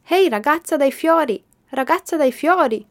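A woman's voice: mid-range voice, animated, measured pace. A woman voicing a sick young boy in a wheelchair who is skeptical at first and later overjoyed, in a storybook reading. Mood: excited.

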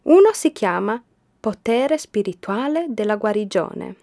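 A woman voicing a kind, hopeful girl who plants magic seeds, in a storybook reading with bright, eager lines. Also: mid-range voice, lively intonation, unhurried.

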